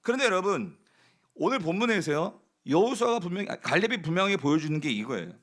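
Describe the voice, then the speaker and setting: Man, pastor, sermon, bright tense voice, very lively pitch, asks and answers questions. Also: quick pace. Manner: animated preaching, asks the congregation questions and answers them; acts out quoted speech of the spies and of Caleb.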